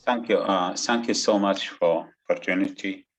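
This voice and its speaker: A middle-aged man with a Sudanese accent introduces himself in an online interview, earnest and halting, often rephrasing as he goes. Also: low voice, highs cut off. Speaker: interview candidate, doctoral student.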